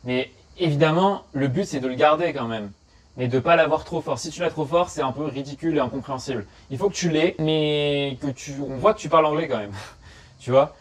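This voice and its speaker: A man's voice: on the high side, brisk. A young man from France, chatting informally with many fillers, giving study and travel tips straight to the viewer in a casual vlog.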